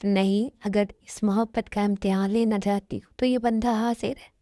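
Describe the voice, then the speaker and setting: A woman's voice: medium pitch, flat delivery, moderate pace, dark tone, no room sound, clean studio sound, lightly acted. A woman voicing a possessive young male mafia boss in a Hindi fan-dub romance drama, snapping at his partner one moment and sweet-talking her the next. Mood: tender. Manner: scolding then sweet-talking, calls her "my darling".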